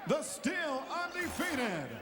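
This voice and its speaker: A man working as a boxing ring announcer, booming out drawn-out words like a lucha libre showman. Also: sing-song, shouting, a crowd in the background. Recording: very noisy roaring arena, echoey PA.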